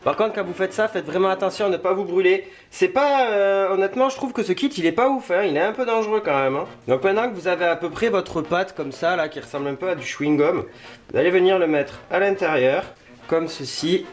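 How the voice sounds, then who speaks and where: A man's voice: high-pitched, a little fast. A man chatting informally through a hands-on tutorial vlog in a home kitchen, self-deprecating and loosely spoken with some mild swearing. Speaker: video creator testing a product.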